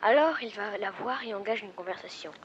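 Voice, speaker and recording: A woman improvising a story about forest animals, halting and restarting as she goes. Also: mid-range voice, lively intonation, muffled recording, noisy background.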